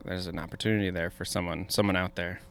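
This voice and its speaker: A man's voice: deep voice, fairly even intonation, fast talker, vocal fry, a bit bright. A man co-hosting a podcast in a joking, casual chat outdoors, laughing often. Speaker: podcast co-host.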